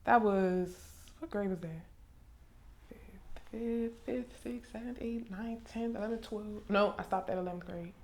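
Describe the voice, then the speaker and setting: A woman's voice: medium pitch, measured pace, pauses often. Young woman telling stories casually. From Maryland, USA. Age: 20s. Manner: relaxed storyteller, laughs easily. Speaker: music artist guest. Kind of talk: casual interview chat. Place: recording studio.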